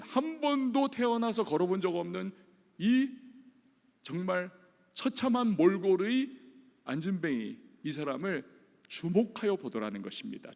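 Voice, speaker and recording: A male pastor from South Korea preaches a sermon in a church sanctuary, telling stories animatedly and acting out the voices of the people in them. His voice is high-pitched with vocal fry, and the sound is that of a big room.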